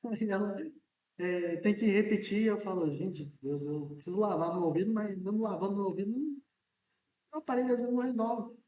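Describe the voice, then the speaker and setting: A man preaching a sermon as pastor in a church, chatty and joking, asking his congregation questions and talking loudly because he is hard of hearing. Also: sits high, brisk. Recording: echoey church room from a distance.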